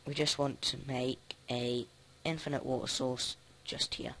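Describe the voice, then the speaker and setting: A man casually commenting on his own gameplay, thinking aloud with many halting restarts. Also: mid-range voice, level tone, bright, forceful tone, slight background noise. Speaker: let's play host.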